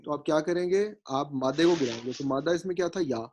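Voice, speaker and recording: A man teaching a grammar lesson, patient and explanatory, slowly spelling out vowel marks and often checking that his students follow, with English words mixed in. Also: a little high, darkish tone, slight background noise. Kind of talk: grammar lecture.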